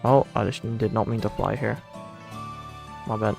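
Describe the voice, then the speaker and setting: Soft music plays behind this man from the Netherlands as he chats on a live stream at a normal pace. His voice is lowish and darkish with some vocal fry, and his Dutch accent colors a rambling, self-deprecating flow full of restarts as he thinks aloud.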